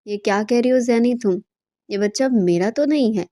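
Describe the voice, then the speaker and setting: Cold vengeful young man, read by a woman narrator; mellow, dry. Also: a little high, expressive, dry recording, natural voice. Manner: cold, dismissive.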